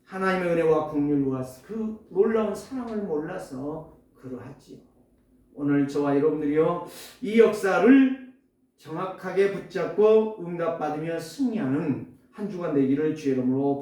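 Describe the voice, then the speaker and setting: A male pastor preaching a sermon emphatically, firing rhetorical questions and swinging between loud and soft. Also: fairly high pitch, normal speed. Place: church sanctuary. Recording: echoey church hall, distant mic.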